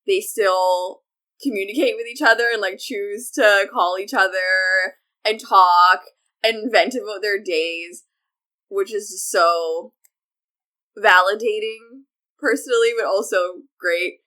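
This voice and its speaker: A woman's voice: medium pitch, takes it slowly, sharp tone. A woman co-hosting a podcast, gushing in casual fan chat with lots of fillers. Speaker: podcast co-host.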